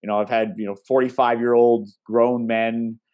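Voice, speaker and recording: Animated guy chatting about his gym, bit muffled sound. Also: mid-range voice, moderate pace. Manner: loose, animated, acts out quotes. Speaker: jiu-jitsu instructor and gym co-owner. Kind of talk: casual podcast chat.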